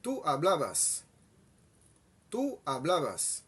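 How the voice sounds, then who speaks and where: A man teaching a language lesson, saying each phrase twice, slowly and deliberately. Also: fairly high pitch, huge pitch swings, fairly bright tone, husky. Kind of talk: slow bilingual language lesson.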